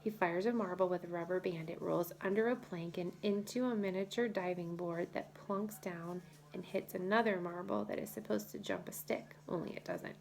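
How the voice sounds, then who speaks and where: A woman reading a first-person children's novel as audiobook narrator, in a lively storytelling manner. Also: fairly low pitch, gravelly.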